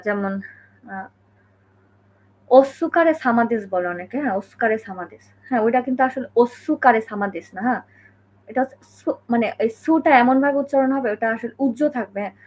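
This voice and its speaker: A woman from Bangladesh giving a casual spoken lesson, talking in a conversational way and often checking in with the listener. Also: a little high. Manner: conversational, many fillers and check-ins. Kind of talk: casual explanatory talk.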